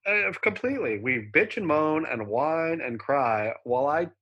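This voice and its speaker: A man from Southern California co-hosting a casual chat. His voice is husky and swings widely in pitch. He is sarcastic and often slips into mocking voices. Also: expressive, normal speed, lo-fi sound. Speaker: co-host.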